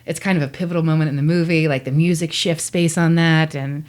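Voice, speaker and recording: A woman guest telling stories in a lively way and acting out the quotes she tells. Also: sits low, fast talker. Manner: animated storytelling, acts out quotes. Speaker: guest, voice actor. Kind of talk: casual interview chat.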